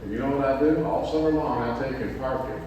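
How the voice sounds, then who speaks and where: A man's voice: mid-range voice, fast talker, mellow, muffled recording. An older man giving an informal public address in a folksy, plain-spoken way, his voice echoing around a big hall. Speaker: county commissioner, guest speaker. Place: large echoing indoor meeting space. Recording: very echoey hall, distant mic, faint noise.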